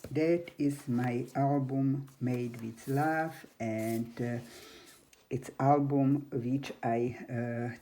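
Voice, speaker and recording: Showing off an album, a woman in her seventies who hosts a crafting channel gives a scrapbook tutorial in a steady, dark, mellow voice that is extremely low for a woman. Her non-native English is halting and grammatically simple, and she chats slowly without hurry while faint noise sits in the background.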